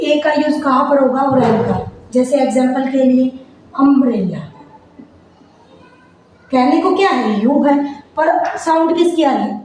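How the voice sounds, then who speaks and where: A woman's voice: high voice, darkish tone. A woman teacher giving a grammar lesson, asking the class questions and answering them herself. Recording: very echoey room, faint noise.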